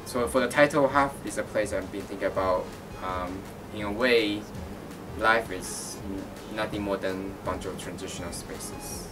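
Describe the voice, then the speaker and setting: In a gallery, a Taiwanese man who works as an artist and art teacher answers interview questions with care, his lowish voice moving at a moderate pace through many fillers and restarts. The mic sits at a distance, and music plays underneath.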